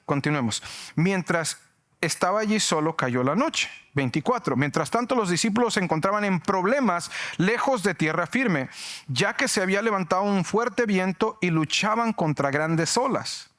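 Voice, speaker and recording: A male pastor preaching a sermon, animated and joking, acting out shouts from the story. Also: high-pitched, moderate pace. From Mexico.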